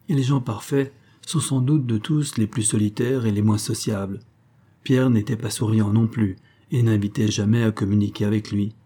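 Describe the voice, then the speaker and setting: A man narrates a literary novel in a calm, measured first-person reading. His voice sits fairly low and dark, with a husky grain. The delivery is reflective and unhurried. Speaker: audiobook narrator.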